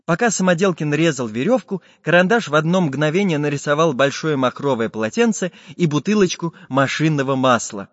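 Expressive man reading a storybook. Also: fairly high pitch, brisk, hardly any pauses. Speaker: narrator. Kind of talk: storybook narration. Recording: dull lo-fi with long reverb.

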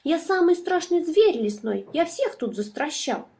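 A woman voicing a small, clever, boastful male mouse with a squeaky, cheeky voice in a storybook reading. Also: big pitch swings, measured pace, darkish tone, heavily acted.

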